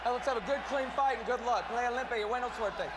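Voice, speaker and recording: A man refereeing a boxing match, rattling off brisk, rote instructions in the ring before the fight. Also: very high-pitched. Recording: very loud crowd, noisy stadium ring.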